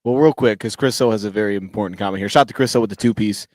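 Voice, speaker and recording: A man's voice: lowish voice, rapid-fire, darkish tone, dry recording. Chatty male sports-show host. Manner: casual, chatty, rambling. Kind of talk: sports talk roundtable.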